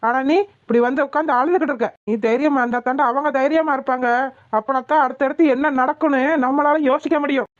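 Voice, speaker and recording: Woman doing a bossy village uncle in a cartoon, lectures and scolds, highish voice, dull dry audio. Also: fairly even intonation, fast, no echo, lightly acted. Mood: lecturing. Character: older village husband, bossy and teasing.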